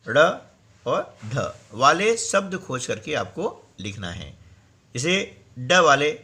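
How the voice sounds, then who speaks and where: Slow, lively male teacher explaining a lesson. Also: fairly high pitch. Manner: explains slowly, repeats "है ना" and "ठीक है ना". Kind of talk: classroom lesson explaining a workbook exercise.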